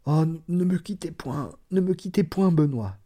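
A man voicing a suffering young peasant woman in labour, with high strained cries and weak whispers. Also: expressive, moderate pace, dark tone. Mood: pleading.

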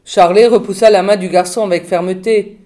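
A woman's voice: medium pitch, steady tone, a little fast, warm tone. Woman reading a novel aloud. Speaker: reader of a novel.

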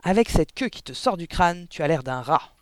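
A man's voice: a little high, steady tone, a little fast, darkish tone, dry recording, clean studio sound, close to an everyday voice. A man voicing a giant, brutal female headmistress who bellows and barks orders in an audiobook. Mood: bellowing. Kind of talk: audiobook character voice.

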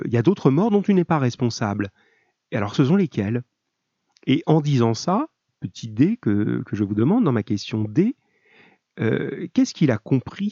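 A man's voice: mid-range voice, mellow. A man teaching a literature lesson, spelling out study questions and instructions step by step for his pupils. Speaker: middle school French literature teacher. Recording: dull, echoey room recording.

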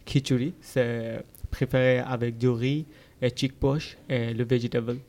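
A teenage boy from Bangladesh, answering interview questions in a learner's halting way with many fillers and restarts. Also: mid-range voice, little pitch movement, dark tone. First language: Bengali. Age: teens. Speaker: interview guest. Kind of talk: school interview.

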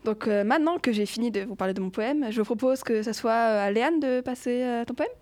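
A woman's voice: a little high, brisk, a little mellow, dry recording, faint music behind. A teenage girl co-hosting a student show, explaining her poem with hesitant, stumbling restarts. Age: teens. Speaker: student co-host.

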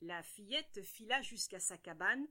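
A woman storyteller telling tales for children, expressive and playful with sound words. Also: mid-range voice, measured pace.

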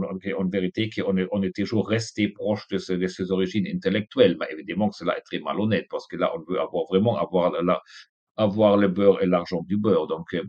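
Male guest author, halting and repetitive delivery, lowish voice, close dry mic. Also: a little mellow, no echo, highs cut off. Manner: hesitant, restarts words often. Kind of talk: interview answers.

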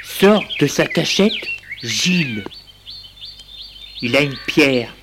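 A storyteller reading a story aloud with measured, deliberate phrasing, on a noisy recording with birds chirping. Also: mid-range voice, animated.

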